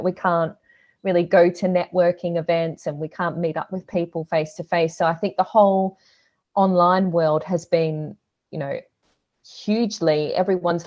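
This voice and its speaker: Her voice sits fairly low with a darkish tone, captured in lo-fi sound. She's an Australian woman with an Australian accent who owns a social media business, chatting on a casual podcast interview with frequent fillers and laughs.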